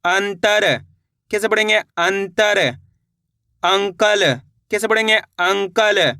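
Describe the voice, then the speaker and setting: A man's high, pushed, bright voice stays fairly even as he slowly breaks Hindi words into syllables and repeats them in a reading lesson. He warmly encourages viewers as friends, and the sound is clean, dry, and studio-grade.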